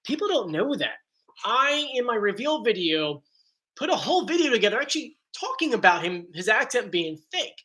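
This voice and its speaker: A man hosting a casual live stream, chatty and excitable, reading chat comments aloud. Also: extremely high pitch, normal speed. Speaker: host.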